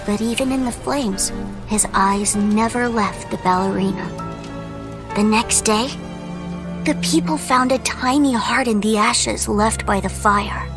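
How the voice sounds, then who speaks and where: A woman playing a gentle storyteller, soft and wistful, telling a sad fairy tale in an anime fan dub. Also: a little high, a little slow, over music.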